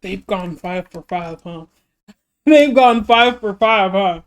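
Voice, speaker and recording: Mid-range in pitch and slow in pace, a streamer rambles through casual chat while reacting to music videos. Fillers and self-interruptions abound, and the voice keeps catching from throat trouble.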